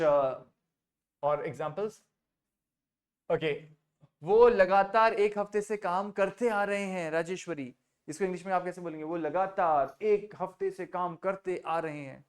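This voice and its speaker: A man teaching spoken English on a video call, patiently repeating examples and mixing Hindi with English. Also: high-pitched. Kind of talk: online spoken English lesson.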